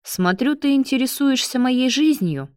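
Woman reader doing a jealous raging man, crude, loud and shrill. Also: expressive, a little slow, clean tone, no echo, studio quality. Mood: cold. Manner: raging and bitter, shouts crude insults. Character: jealous furious man, club owner, shouting insults.

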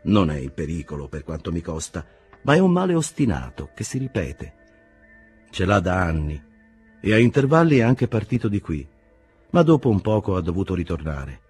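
A man voicing a sober, earnest young man who explains things in a measured, matter-of-fact way. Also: low-pitched, big pitch swings, a little mellow, breathy edge, soft background music, heavily acted.

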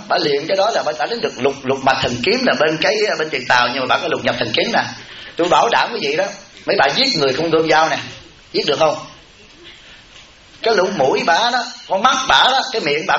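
Male monk, higher-pitched, folksy joking dharma talk; echoey, dull live recording, audience laughter behind. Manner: folksy and teasing, repeats words for comic effect.

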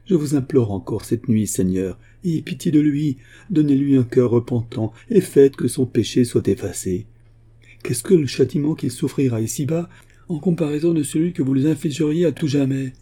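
A man's voice: medium pitch, moderate pace, mellow, husky, pitched above the performer's own voice, close to an everyday voice. A man voicing a desperate, breathless young woman pleading with her father. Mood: praying.

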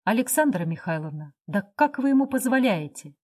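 A woman's voice: fairly high pitch, very animated, brisk, a little mellow, slightly rough. A flustered, kind-hearted hostess pleads and reproaches, her voice rising with indignation, as a woman reading a story puts her on. She scolds a rude guest in a storybook reading. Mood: indignant.

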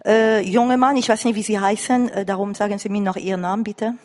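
Speaking up from the floor during a lecture, this French audience member has a foreign accent and a medium-pitched voice with fairly even intonation. Her unplanned comment comes out halting yet insistent while she hunts for the right words, and the recording carries the echo of the reverberant room.

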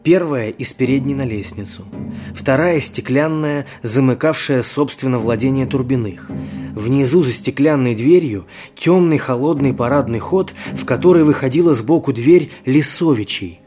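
Man, audiobook narrator, measured reading, mid pitch, faint music.

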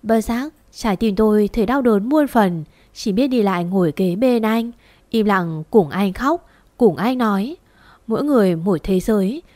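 A woman's voice: mid-range voice, dark tone, no room sound. Mournful woman narrating a story. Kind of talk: first-person audio story narration.

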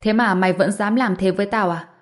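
A woman's voice: mid-range voice, fairly even intonation, fairly quick, lightly acted. A woman reading an arrogant spoiled young man in an audiobook, insolent and blustering. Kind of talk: audiobook narration.

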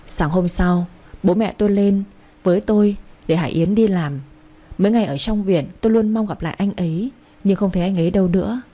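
A woman's voice: mid-range voice, warm tone. A woman narrating a romance story in the first person, in a confiding way.

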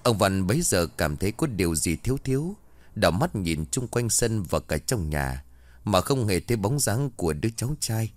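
A man narrates a ghost story and voices every character himself. His voice sits very low, yet it swings widely in pitch as he tells it. The recording is dry, with almost no room sound. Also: sing-song, moderate pace, a little mellow, no echo.

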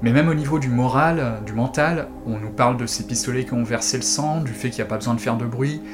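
Guy hosting, casual critic talk breaking things down, music clearly playing behind him. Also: medium pitch, quick pace. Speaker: host and film critic. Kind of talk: analytical casual chat.

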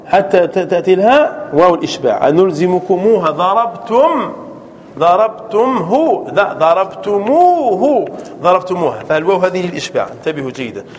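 A man, a sheikh teaching a classroom grammar lesson, quizzing his students and drawing out examples slowly. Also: sits high, a little hiss or hum.

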